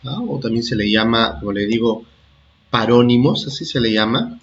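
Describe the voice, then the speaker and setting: A man with a medium-pitched voice, recorded in lo-fi sound, teaches a primary school class for children. He goes slowly, repeats his points, and checks that the kids follow with "¿ah?" and "¿de acuerdo?"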